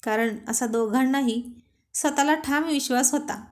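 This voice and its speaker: A woman narrating a romantic storybook in a gently amused, storytelling manner. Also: high-pitched, moderate pace.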